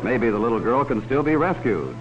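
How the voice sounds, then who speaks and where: With music in the background, a man speaks briskly in a natural, medium-pitched, sing-song voice. He's the folksy adult narrator of a 1950s educational film, cautioning children about strangers by addressing them directly with leading questions, all on a dull, hissy old soundtrack.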